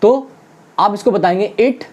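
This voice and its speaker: A spoken English teacher giving a lesson, who keeps calling the viewers friends and asks questions only to answer them. English example sentences are repeated slowly, one word at a time. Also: mid-range voice, darkish tone, dull audio. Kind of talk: online classroom lesson.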